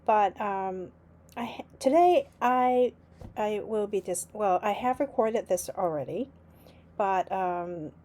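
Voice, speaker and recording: A woman hosting her own podcast, speaking haltingly with many fillers over a call. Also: mid-range voice, expressive, dark tone. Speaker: podcast host. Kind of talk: podcast interview.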